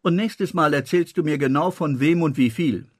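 A man's voice: a little high, normal speed, slightly rough, dry recording, voice pushed up. Guy doing a nosy pot-bellied innkeeper, teasing and suspicious, storybook voice, dry sound. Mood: doubting. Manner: teasing, mock-indignant.

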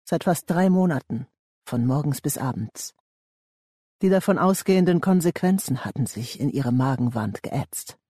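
A man reading a thriller audiobook in a measured, tense storytelling manner. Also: a little high, expressive, mellow, slightly rough, dry recording, clean studio sound. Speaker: audiobook narrator. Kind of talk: scripted thriller narration.

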